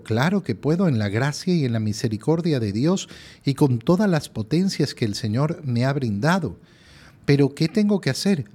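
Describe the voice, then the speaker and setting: A man's voice: mid-range voice, mellow, breathy edge. A middle-aged male priest giving an earnest, emphatic sermon, often repeating his key phrases. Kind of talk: lectio divina sermon.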